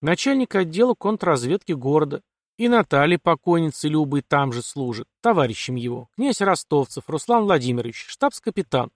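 A headstrong young noblewoman with a sharp tongue, put on by a male narrator, talking back in stubborn, quick-witted retorts. The voice sits raised above the reader's own. It is a storybook audiobook in a dry, close recording. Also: a little high, big pitch swings, no room sound. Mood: sly.

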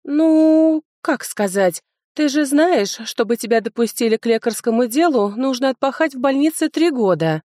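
A woman's voice: sits high, animated, moderate pace, few pauses, warm tone, no echo, clean studio sound, pitched above the performer's own voice. A woman reading an audiobook and voicing a fussing young female student, her friend, who speaks in an anxious, fussing way.

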